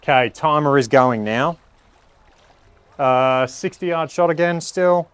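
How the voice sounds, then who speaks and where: A man's voice: on the high side, slow, a bit bright, clean tone, no room sound. A man giving a casual hands-on review, chatting and reacting aloud as he plays. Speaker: product reviewer.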